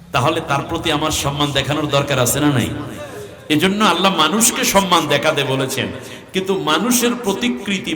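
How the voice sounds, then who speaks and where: Guy preaching a waz, loud bright forceful voice, sings the verses, big echoey hall over a pa. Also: fairly high pitch. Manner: chanting Quranic verses in a sung recitation; rhetorical questions to the crowd. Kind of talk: waz sermon. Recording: echoey hall with long reverb.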